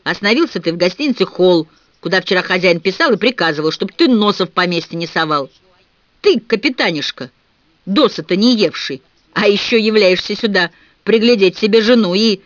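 A man's voice: high voice, lively intonation, a little fast, fairly bright tone, dry recording, dull audio. A man voicing a rude, brawling young boxer who talks in a coarse, taunting way. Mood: sneering.

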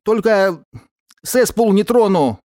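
A man voicing a frantic bearded man who claims to be a terrorist, shouting and boasting wildly. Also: animated, slow, no echo, clean studio sound. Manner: shrill shouting, wild and boastful. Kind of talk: audiobook character voice.

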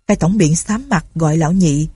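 A woman reading a story aloud in a steady, low-key way. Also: moderate pace, slightly rough, dry recording. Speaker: narrator. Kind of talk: storybook narration.

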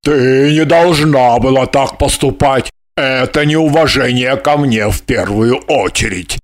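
A man playing a rich older husband in an audiobook, talking slowly in a pleading, fretful way. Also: mid-range voice, lightly acted. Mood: fussy, pleading. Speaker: audiobook character.

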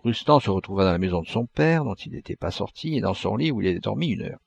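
Man, audiobook narrator, measured, gravelly, husky, dry close sound. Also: on the low side, expressive, dry recording, dull audio. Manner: measured storytelling.

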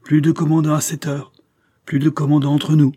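A man's voice: medium pitch, normal speed, mellow, breathy edge, no echo, studio quality, voice pushed up, close to an everyday voice. A man voicing an older ship captain, impassioned and grieving, speaking with raised emphasis.

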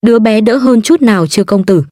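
A woman's voice: a little high, expressive, quick pace, dark tone, dry recording, lightly acted. A woman voicing a loyal young male guard who speaks deferentially in a read-aloud story. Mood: respectful.

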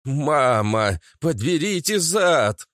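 An irritable, blunt family man at the wheel, voiced by a man reading an audiobook, terse and exasperated. The voice sits fairly high and the sound is dry and close. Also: sing-song, slow, fairly bright tone, no room sound, exaggerated voice.

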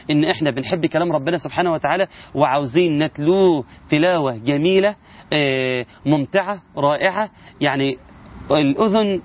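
A man's voice: fairly high pitch, highs cut off. A man with an Egyptian accent, teaching Quran recitation rules in a casual spoken lesson and asking his listeners rhetorical questions. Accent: Egyptian Arabic.

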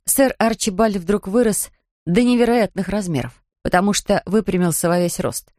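A man reading a children's storybook aloud in a calm, measured way. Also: sits high, no room sound, studio quality. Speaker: narrator. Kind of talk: audiobook narration.

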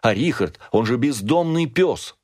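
A man's voice: lowish voice, lively intonation, normal speed, no echo, studio quality. Man voicing an anguished pleading father. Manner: emotional, pleading, rising to anguished exclamations. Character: grief-stricken middle-aged father pleading with son. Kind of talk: audiobook character reading.

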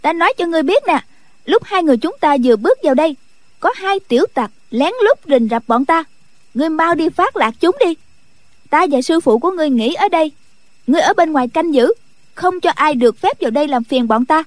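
A woman's voice: high voice, expressive, a little fast, no echo. A woman voicing a mischievous young girl who teases and bosses others in a martial-arts audiobook. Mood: teasing. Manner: playful and bossy.

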